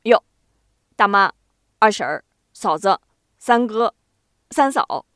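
Lady doing a smooth-talking nervous young guy, bouncy lively voice, dry sound. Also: mid-range voice, no room sound. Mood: glib. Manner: slick, fast, defensive. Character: glib, jittery young man.

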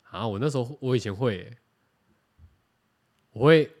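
A man's voice: mid-range voice, moderate pace. Rambling man. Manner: rambling, animated, self-correcting. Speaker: podcast co-host. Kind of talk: casual chat.

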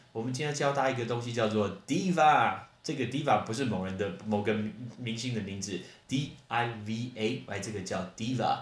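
A man hosting a casual English vocabulary lesson, chatty and animated, spelling words out letter by letter. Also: lowish voice, roomy sound. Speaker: English teacher podcast host.

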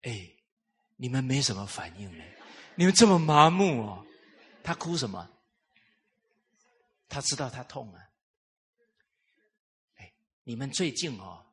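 A man giving a live lecture on traditional culture, telling lively stories and putting rhetorical questions to the audience. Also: mid-range voice, slightly rough.

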